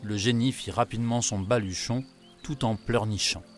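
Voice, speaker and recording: A man narrating a children's tale in a calm, measured way. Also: on the low side, faint music behind. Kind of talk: storybook narration.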